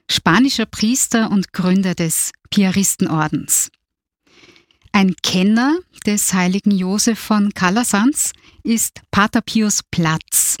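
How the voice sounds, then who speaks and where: A woman's voice: mid-range voice, no echo. A woman radio host with a mid-range voice, formal and courteous as she introduces her guest. The recording is close and dry, as in a small studio. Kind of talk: radio interview hosting.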